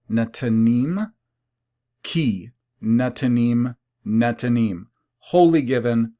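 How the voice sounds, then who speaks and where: A man talks through scripture passages at a slow, measured pace, lingering on words and saying them twice for emphasis. His voice sits at an ordinary middle pitch, and he now and then stops on a filler before carrying on. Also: darkish tone. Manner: deliberate, repeats words for emphasis; occasional fillers and restarts. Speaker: Bible language presenter. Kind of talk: explanatory scripture talk.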